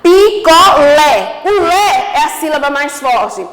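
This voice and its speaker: A female teacher giving an online school lesson with a Brazilian Portuguese accent, explaining slowly and speaking directly to her pupils. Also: high-pitched, expressive, fairly bright tone, reverberant, big-room sound, poor audio.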